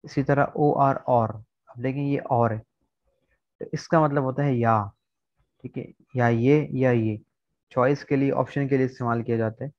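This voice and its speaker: A man's voice: mid-range voice, steady tone, measured pace, a little mellow. A male teacher gives a patient, word-by-word vocabulary lesson over a video call, keeping his tone level with very little rise and fall. The sound is dry with no room echo, and the online recording is slightly dull and lo-fi. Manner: explains word by word, often checking with "theek hai". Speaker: English teacher.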